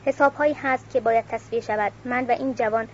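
A woman's voice: on the high side, fairly even intonation, lightly acted. A woman voicing a fiery, defiant old exiled commander while reading a novel aloud, on a dull recording with faint hiss.

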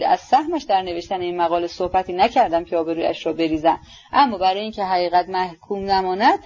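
A woman reading the lines of a proud, blustering young writer in an audiobook, loud and declamatory. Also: mid-range voice. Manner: loud, declamatory self-justifying. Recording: dull lo-fi audiobook recording.

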